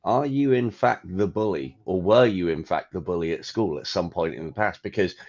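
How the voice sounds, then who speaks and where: Man, low voice, muffled lo-fi audio, casual profane gaming podcast chat. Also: moderate pace. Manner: profane, animated, ranting. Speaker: podcast co-host.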